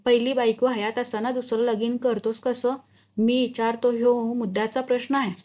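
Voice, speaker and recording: A woman's voice: on the high side, flat delivery, normal speed, a little mellow, natural voice. A woman reading a story, voicing a brash, scheming village man who talks bluntly in rustic dialect. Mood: blunt, pushy. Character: brash scheming rural male crony, loud.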